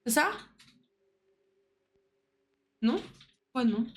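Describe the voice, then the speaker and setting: Woman streamer, fairly high voice, casual puzzle chat, talks her reasoning out loud, argues back and forth. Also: very animated, drawn-out words. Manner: thinking aloud, bickering with a co-player.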